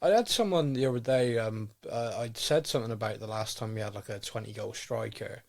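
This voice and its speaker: A man's voice: lowish voice, fairly quick, vocal fry, darkish tone. A British man hosting a podcast in casual chat, with a rambling, wry, self-deprecating way of talking. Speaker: podcast host.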